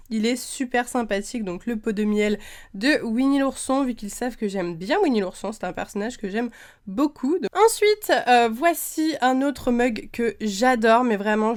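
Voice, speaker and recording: A young woman from France chatting casually in a vlog, gushing over her collection with lots of fillers and slang. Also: a little high. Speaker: YouTuber showing her collection. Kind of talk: casual show-and-tell vlog.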